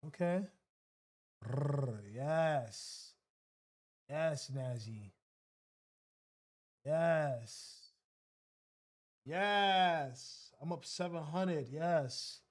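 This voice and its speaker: A man's voice: a little high, very slow, long pauses. A man hosting a trading livestream, giving casual, slangy live commentary and talking to his chat.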